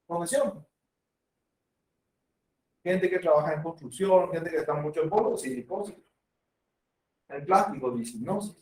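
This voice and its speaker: A man with a Paraguayan Spanish accent gives a university medical lecture, explaining with examples and acting out patient dialogues. His voice is high with a darkish tone, recorded roomy and from far off the mic.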